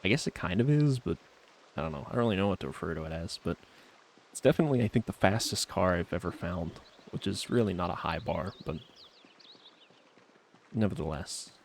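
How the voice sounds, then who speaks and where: A man's voice: sits low, expressive, a little fast, gravelly, long pauses, slight background noise. A man streaming a video game, chatting to himself in a laid-back, rambling way. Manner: laid-back, rambling self-talk with frequent trailing fillers. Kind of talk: casual gameplay commentary.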